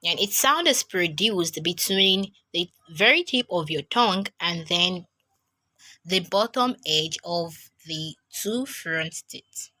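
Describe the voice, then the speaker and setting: Female recitation teacher, lowish and bright-toned, very slow and patient, demonstrates sounds by repeating them. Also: lively intonation. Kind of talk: online pronunciation lesson.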